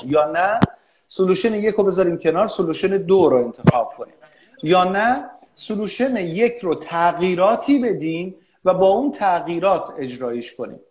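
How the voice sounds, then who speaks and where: A man's voice: high voice, a little mellow. A man answering interview questions as a business analysis expert, lecturing steadily with frequent hesitant fillers. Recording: echoey room.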